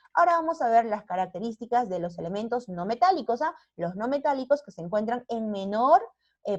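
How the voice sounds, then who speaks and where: A woman's voice: fairly high pitch, darkish tone, dull audio. A female primary school teacher with a Peruvian Spanish accent giving an online science lesson, constantly asking rhetorical questions and checking in with the class.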